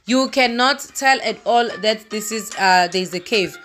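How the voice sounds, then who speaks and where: A woman's voice: medium pitch, measured pace, a bit bright, faint music behind. A woman chatting casually and rambling as she vlogs with a handheld phone, walking outside and into a cave. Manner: chatty, rambling, laughs at herself. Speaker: vlogger. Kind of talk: casual travel vlog. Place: walking outdoors, then inside a cave.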